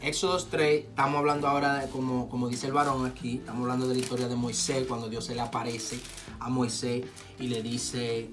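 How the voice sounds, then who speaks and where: A man preaching in a casual conversation, telling a scripture story with lively acted-out dialogue and urging his listeners on. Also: medium pitch, a little fast. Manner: animated storytelling, acts out dialogue, exhorts listeners. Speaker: co-host of a faith talk show. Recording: phone recording with guitar music behind.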